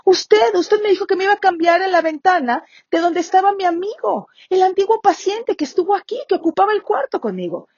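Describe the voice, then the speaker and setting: A woman's voice: extremely high pitch, normal speed, no room sound, lo-fi sound, voice pushed up. A woman voicing an upset bedridden male hospital patient, pleading urgently.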